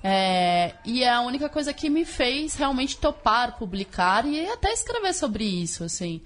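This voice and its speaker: A woman's voice: fairly high pitch, big pitch swings, moderate pace, fairly bright tone. A middle-aged Brazilian woman, a guest author, talking casually and candidly in colloquial, sweary speech while sick with a sore throat. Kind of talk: casual conversational interview.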